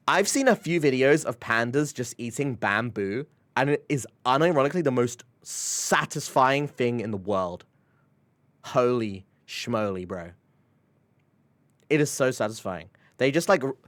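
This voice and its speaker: A man's voice: mid-range voice, fairly bright tone. A young man chatting casually on his live stream, rambling with lots of "like" and "bro", laughing and swearing often.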